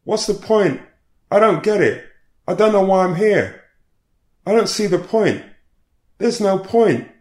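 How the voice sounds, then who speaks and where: A man voicing a small, distressed woman who shouts and pleads in desperation. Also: sits high, animated, slow, long pauses, reverberant, voice pushed up. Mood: pleading, despairing. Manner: shouting, pleading, childlike whimper.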